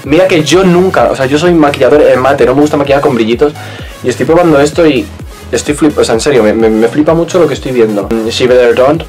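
A man's voice: mid-range voice, fast talker, darkish tone, faint music behind. A man with a Spanish accent from Spain, chatting playfully and exclamatorily as a makeup vlogger unboxing a palette. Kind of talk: casual unboxing chat.

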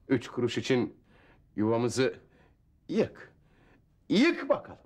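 An actor playing a jealous, melodramatic son-in-law who makes mock threats. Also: male voice, mid-range voice, huge pitch swings, slow, a little hiss or hum. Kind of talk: sitcom acting.

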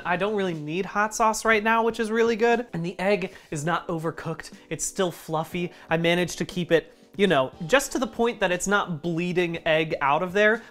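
A man's voice: high-pitched, pushed and bright. A man hosting a comedic cooking demo in his home kitchen, joking and mocking himself as he cooks. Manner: playful, jokey, self-mocking. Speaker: cooking video host.

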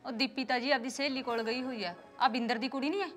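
A woman's voice: high voice, fairly even intonation, fast, soft background music. An actress playing a caring village mother who pleads for her daughter, speaking in a Punjabi accent. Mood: coaxing. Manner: pleading, gently persistent. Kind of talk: village drama acting.

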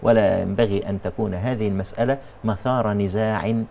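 A man's voice: fairly low pitch, fairly even intonation, brisk, creaky, dark tone, slight background noise. A man with an Egyptian accent answering religious questions in a TV studio, explaining with emphasis and frequent restarts.

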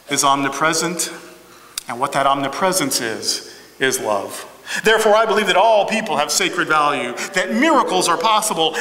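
A middle-aged pastor with a high, sharp-toned voice preaches a sermon in a large church sanctuary. His delivery is emphatic and rhythmic, building phrases through repetition, and the hall adds an echoey reverb.

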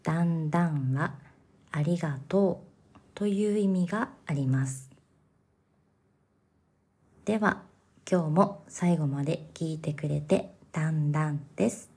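A woman from Kansai, the host of a podcast, explaining Japanese to learners in a slow, careful, soft-spoken way. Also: deep voice, husky.

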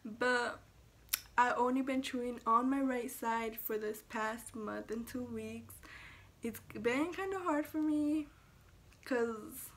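A woman's voice: a little high, slow, a little hiss or hum. A young woman in her teens, speaking with braces, chatting casually as a vlogger at home, rambling with lots of fillers, self-corrections and casual swearing. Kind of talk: casual vlog chat.

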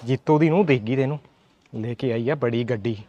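An actor playing a gruff but kindly older father-in-law who scolds and bickers, with faint music behind. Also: mid-range voice, a little fast, warm tone, dull audio, natural voice. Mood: bickering. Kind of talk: amateur short-film acting.

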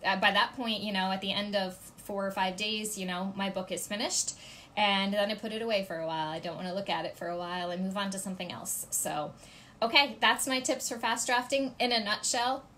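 A woman in her thirties with a congested, medium-pitched, slightly bright voice gives casual writing tips straight to camera from her home office, where a ceiling fan turns indoors. She's chatty and gestures a lot, dropping plenty of ums and "okay?" check-ins. A little hiss or hum sits under the audio.

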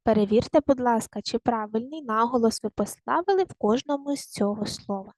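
A woman teaching a primary school language lesson online, speaking slowly and carefully and repeating words to show their stress. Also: on the high side, darkish tone, dry recording.

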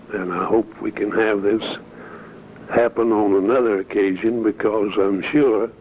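Older man, low voice, plain heartfelt thanks, old wire recording, thin and hissy. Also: phone-quality sound. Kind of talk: spoken greeting on a home recording.

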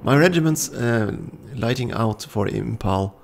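A man reading the lines of a brisk, bearded male soldier who gives curt orders in a game. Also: mid-range voice, animated, vocal fry.

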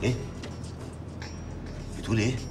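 An actor playing a hurried Egyptian newspaper editor who barks orders and brushes off worries in a TV drama. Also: male voice, a little mellow, faint music behind, close to an everyday voice. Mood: brisk. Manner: brisk, bossy, gives orders. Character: hurried male newspaper boss, commanding. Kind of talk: TV drama acting.

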